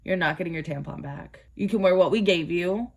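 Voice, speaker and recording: A sick-sounding woman voicing a blunt, unbothered rehab intake staffer in a lower, flatter voice. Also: a little fast. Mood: dismissive.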